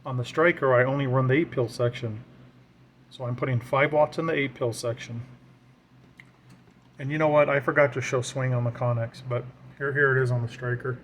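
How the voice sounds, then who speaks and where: Fairly quick and medium in pitch, a radio enthusiast walks through his equipment hands-on, explaining and partly talking to himself. The recording carries a clear, constant backdrop of fans and machinery.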